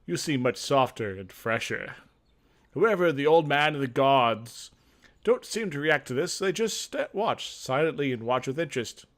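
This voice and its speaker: Hosting and narrating a gaming video, this man has a medium-pitched, animated voice and speaks at a moderate pace. He performs a fantasy game's text dramatically, now and then slipping into relaxed side comments.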